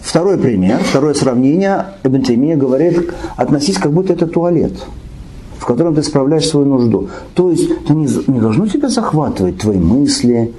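A man's voice: medium pitch, expressive, moderate pace, warm tone, slight background noise. A man giving a sermon lecture who recites Arabic phrases, explains them, repeats key points and checks in with listeners. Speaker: Islamic preacher.

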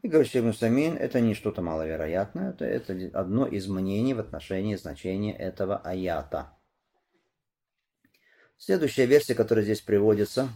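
A man giving a religious lesson, reading Arabic phrases and explaining them in Russian, who rises and grows louder when retelling a narration. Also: lowish voice, expressive, brisk. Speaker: Islamic religious teacher. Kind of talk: religious lesson commenting on hadith and tafsir.

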